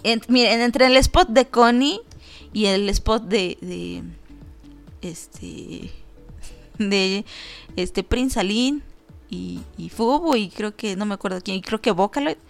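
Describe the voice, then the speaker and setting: A woman with a Mexican Spanish accent hosting a radio show, telling a story in a lively, casual way, acting out the voices she quotes and laughing often. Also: mid-range voice, slow, gravelly, pauses often, faint music behind.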